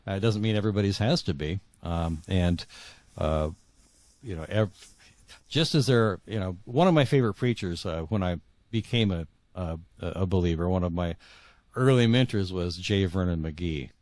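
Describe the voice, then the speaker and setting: A middle-aged man with a deep, low, darkish voice answers earnestly as an interview guest, halting and repeating words while he works out what to say. The recording is dry and close-miked.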